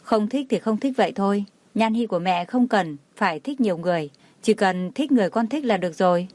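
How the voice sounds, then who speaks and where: A woman reading the lines of a gentle, patient young mother in an audiobook, in a soft, soothing way. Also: mid-range voice, animated, a little fast, close to an everyday voice.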